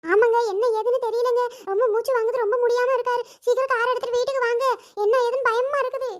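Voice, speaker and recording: A very high, anxious cartoon daughter-in-law, as a woman voices her, always pleading with her mother-in-law. Her voice rises even higher than the performer's usual squeak. This is a home-made cartoon skit. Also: racing. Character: worried patient young daughter-in-law. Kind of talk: cartoon voice acting.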